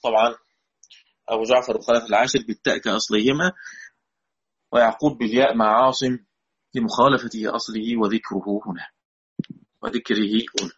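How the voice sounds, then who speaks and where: A man's voice: medium pitch, fairly even intonation, brisk, pauses often, breathy edge, dull audio. A man with an Egyptian accent teaching a recorded lesson on Quranic readings, patiently repeating key words and quizzing his students. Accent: Egyptian Arabic.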